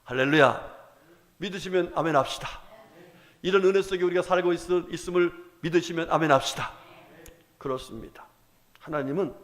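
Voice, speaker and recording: Male pastor, high voice, sermon in a church hall with a long echo, asks the congregation questions. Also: creaky. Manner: preaching, rising and dropping, acting out Bible voices, asking the congregation. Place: church sanctuary.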